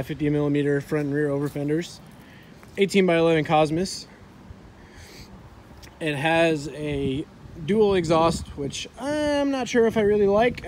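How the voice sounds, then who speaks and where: Higher-pitched young skater-bro guy, outdoors. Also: a little mellow. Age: young adult. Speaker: car vlogger. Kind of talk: casual vlog talk. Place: outdoors, driveway and open skatepark. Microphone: phone held at arm's length. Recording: outdoor phone recording with ambient noise.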